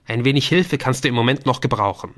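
A man reading a calm, knowing teenage boy in a relaxed, reassuring tone. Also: mid-range voice, fast, natural voice.

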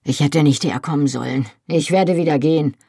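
A woman's voice: low voice, brisk, vocal fry, dark tone, breathy edge, dry recording, clean studio sound, full character voice. A woman reading the part of an anguished, proud young man, speaking in pained, bitter outbursts. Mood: desperate.

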